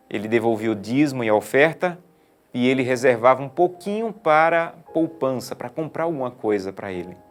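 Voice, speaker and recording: A man pastor preaching a sermon with a mid-pitched voice. He moves from loud, stressed appeals to quiet, intimate lines, and soft music sits far behind him.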